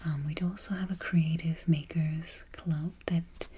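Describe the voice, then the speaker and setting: A woman whispers softly in a library-whisper role-play as a patient, friendly librarian. Her voice is mellow and breathy, with an unhurried, reassuring way of talking. Clear background noise and keyboard clicks sit behind it. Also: low-pitched, fairly even intonation. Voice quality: whispered, breathy, soft-spoken. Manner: gentle, unhurried, reassuring, with murmured mm-hmms. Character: friendly, patient small-town female librarian registering a patron. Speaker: ASMR performer. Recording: noisy close recording, keyboard clicking.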